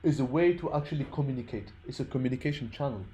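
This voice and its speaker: This programming instructor talks in rapid-fire bursts with a mellow, medium-pitched male voice. He isn't a native English speaker; it's his third language. His informal lesson goes step by step, with repeated words and frequent checks that listeners keep up.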